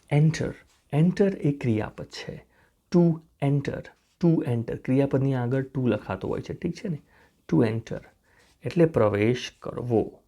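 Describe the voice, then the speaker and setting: A man's voice: medium pitch, dark tone. A man teaching spoken English, spelling words out letter by letter, repeating each pronunciation and checking in with the viewer with a rising "okay?". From India.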